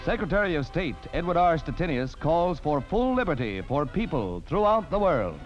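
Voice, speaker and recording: High, lively 1940s newsreel announcer man. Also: normal speed. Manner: emphatic, declamatory announcer delivery. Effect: old 1940s newsreel soundtrack. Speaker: newsreel narrator. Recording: dull lo-fi old film soundtrack with music. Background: music score.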